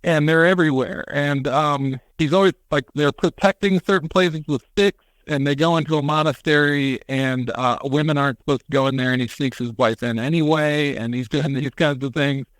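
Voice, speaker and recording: A man on a podcast, retelling a story in casual chat, animated and acting out quotes with casual swearing. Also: fairly high pitch, moderate pace, few pauses, no echo. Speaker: podcast co-host.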